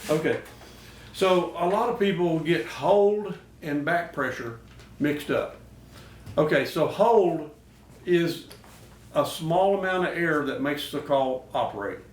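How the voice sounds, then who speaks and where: A man's voice: a little high, slow pace. A man hosting a show, giving casual, instructional talk. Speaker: host of a duck call show. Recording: echoey noisy room, distant mic.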